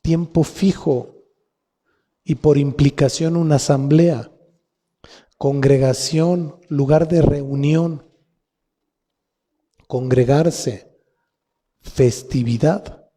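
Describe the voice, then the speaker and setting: Very slowly and with frequent pauses, a pastor with a Mexican Spanish accent puts rhetorical questions to his congregation during a sermon. His voice is fairly high with a dark tone, echoing with long reverb in the church hall.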